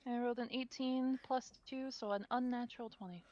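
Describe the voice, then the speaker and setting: A woman's voice: fairly high pitch, steady tone, a little fast, dark tone, muffled recording. A woman playing a tabletop role-playing game, moving between coy, flirtatious in-character talk and casual game chat.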